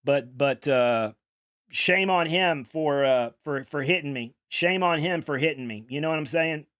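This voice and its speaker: A man's voice: on the high side, unhurried, fairly bright tone, no echo, clean studio sound. A young man telling a story while streaming, rambling, repeating words and swearing casually. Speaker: game streamer.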